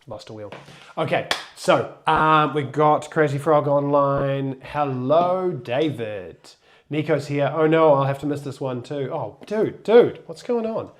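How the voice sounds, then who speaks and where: A man talks loosely and jokingly, mid-pitched, as he hosts a laid-back live stream. He is getting over a cold and still sounds a little worn. His speech is casual, full of restarts and asides. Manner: chatty, loose, restarts and jokes. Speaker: co-host of a sailing channel live stream.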